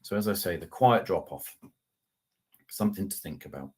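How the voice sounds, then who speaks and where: Over a video call captured on his webcam, a middle-aged man gives a live product webinar with slides and screen sharing as a customer success manager. His voice is low, husky and darkish with lively intonation at normal speed, and he talks conversationally, with polite asides, fillers and restarts.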